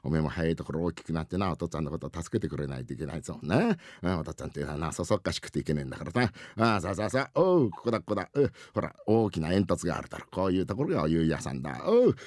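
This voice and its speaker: A man playing a hasty, bumbling working-class husband with rough downtown Edo speech, as rakugo storytelling. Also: sits low, lively intonation, racing, hardly any pauses, a little mellow, dry recording, studio quality, voice pushed down. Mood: coaxing. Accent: Edo Tokyo downtown speech. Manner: gruff, blustering, rough slang.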